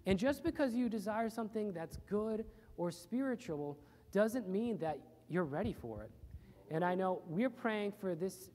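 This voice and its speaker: A man's voice: high-pitched, warm tone. Earnest male pastor preaching. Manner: earnest, plain-spoken preaching with repeated phrases. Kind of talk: sermon. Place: church. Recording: reverberant church hall.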